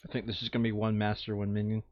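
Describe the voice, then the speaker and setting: Speaking very fast in a lowish monotone, this board game player on a playthrough show reads out rules and muses aloud about his moves in relaxed tabletop commentary. The recording sounds muffled.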